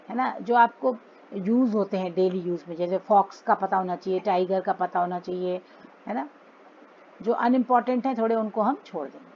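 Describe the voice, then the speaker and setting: A woman's voice: mid-range voice, a little mellow, lo-fi sound, a little hiss or hum. A woman teacher explaining grammar to schoolchildren, mixing Hindi and English and repeating words for them to memorize.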